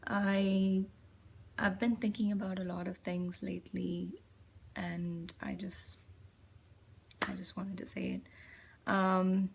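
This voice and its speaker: A woman's voice: mid-range voice, little pitch movement, takes it slowly, creaky, long pauses, a little hiss or hum. A young woman from India speaking to camera in a reflective personal monologue, hesitant and full of fillers. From Chennai, India. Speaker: vlogger.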